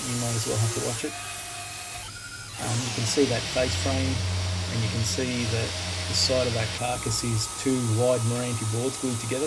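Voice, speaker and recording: Australian woodworker narrating his build, gravelly voice, captured on a hissy phone recorder app, relaxed step-by-step delivery. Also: medium pitch. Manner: relaxed, plain-spoken, explains step by step. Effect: recorded on a phone voice recorder app instead of a microphone. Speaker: woodworking video maker. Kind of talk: casual voice-over explaining a workshop build. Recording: noisy phone voice-memo recording.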